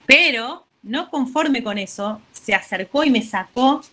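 Argentine woman, kinda high voice, animated storyteller acting out quotes in a chat. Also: unhurried, slight background noise. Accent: Argentine Spanish. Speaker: guest. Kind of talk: casual storytelling interview.

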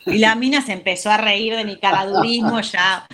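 A woman's voice: mid-range voice, normal speed. A woman with an Argentine accent, telling a story in a casual interview and acting out what people said. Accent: Argentine Spanish. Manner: animated, acts out quotes. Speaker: guest.

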